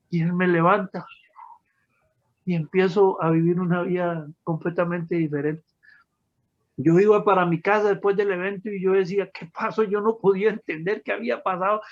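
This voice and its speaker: A man telling his personal testimony to an audience, emotional and storytelling, calling his listeners friends. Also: high-pitched. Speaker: testimony speaker. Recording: dull lo-fi sound.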